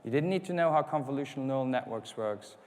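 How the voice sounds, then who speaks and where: Fast and lively in intonation, a man with a mid-range, slightly mellow voice gives a conference keynote in a language other than his first, English. He explains methodically, asks rhetorical questions and acts out quotes from customers. The conference hall setting adds hall reverb.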